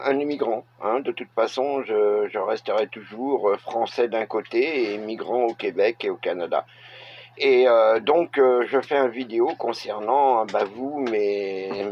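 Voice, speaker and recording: A middle-aged man from France, giving a blunt opinion monologue to camera and pausing often to hesitate. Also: on the low side, a little hiss or hum. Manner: blunt, halting with frequent filler hesitations. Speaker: vlogger. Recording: dull lo-fi recording.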